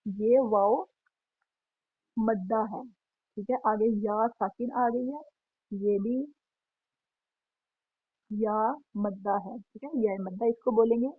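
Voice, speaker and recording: A woman teaching a Quran recitation lesson, patiently repeating each point and drawing out sample syllables slowly. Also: mid-range voice, fairly even intonation, slightly rough, dry recording. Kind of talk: online tajweed lesson. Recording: tinny phone-like sound, dry.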